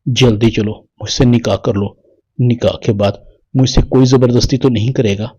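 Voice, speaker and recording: A man's voice: medium pitch, steady tone, darkish tone, breathy edge, lo-fi sound, lightly acted. A man reading Anaya, a headstrong young woman. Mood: defiant.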